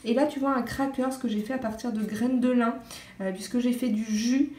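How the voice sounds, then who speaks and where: A woman's voice: fairly high pitch, fairly even intonation, fairly quick, a little mellow. A woman chatting casually on her food vlog, talking straight to the viewer with many hesitations, in her home kitchen. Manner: chatty, addresses viewer directly, frequent hesitations. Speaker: vlogger. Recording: roomy echo.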